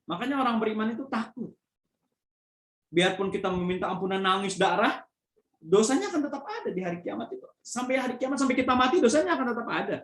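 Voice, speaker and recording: A man's voice: high-pitched, expressive, fast, fairly bright tone. A man giving a religious study lecture as a preacher, explaining with everyday examples and frequent fillers. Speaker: Islamic preacher. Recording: echoey room.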